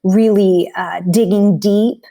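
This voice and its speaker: Frank, animated woman in her forties. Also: medium pitch, slow pace. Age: 40s. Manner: frank and animated, laughs and swears freely. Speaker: podcast guest, coach and author. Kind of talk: casual chat.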